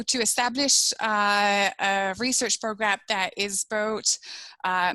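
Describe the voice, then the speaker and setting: A woman's voice: mid-range voice, bright, forceful tone, no echo, poor audio. A woman from Quebec, an agronomy researcher, answering interview questions from her home office with lots of hesitations and restarts. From Quebec, Canada. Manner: hesitant, many fillers and restarts.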